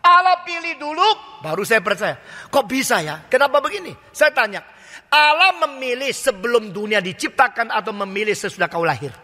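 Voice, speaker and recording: A man's voice: very high voice, sing-song, moderate pace, bright, forceful tone. An older male pastor with an Indonesian accent, preaching a sermon full of rhetorical questions, mock dialogues and colloquial asides. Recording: long hall reverb.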